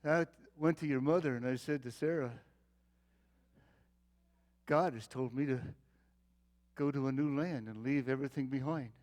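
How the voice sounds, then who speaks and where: A man's voice: mid-range voice, moderate pace, pauses often, a little mellow, close to an everyday voice. A man acting as the aging patriarch Abraham, speaking in a theatrical monologue to his young son. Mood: earnest storytelling. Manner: theatrical monologue, calling out, then tender and confiding. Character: aging male patriarch Abraham, weary and devoted father. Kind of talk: dramatic Bible-character monologue.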